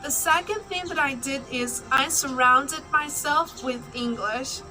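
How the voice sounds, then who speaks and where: Over background music and through a low-quality recording, a young Burmese-speaking woman from Myanmar talks unhurriedly in a high voice. She runs a language-learning vlog and chats casually, leaning heavily on fillers like "like."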